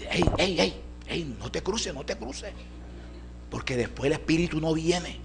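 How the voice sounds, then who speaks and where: A man's voice: a little high, animated, a little slow, gravelly, slight background noise, voice pushed up. A man voicing an eager young man at a séance who urges a newcomer on insistently. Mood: urgent, eager. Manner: urgent, insistent.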